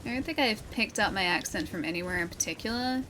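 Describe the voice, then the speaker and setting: A fast-talking woman with lively intonation and a mid-range voice chats casually while playing a game on stream, laughing often. She has a mild Australian accent and a slightly nasal quality. The background is noisy.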